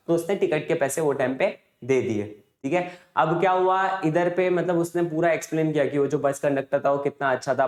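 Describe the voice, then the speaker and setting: With a medium-pitched, slightly mellow voice, a teacher reviews a chapter's story for an upcoming exam, keeping it conversational and full of rhetorical questions. The recording carries a roomy echo.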